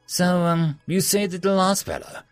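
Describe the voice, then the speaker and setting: A man voicing a curious, probing woman innkeeper in a story, asking in an inquisitive, halting way. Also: high-pitched, fairly even intonation, clean tone, no echo, soft background music, voice pushed up, close to an everyday voice. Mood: probing, puzzled.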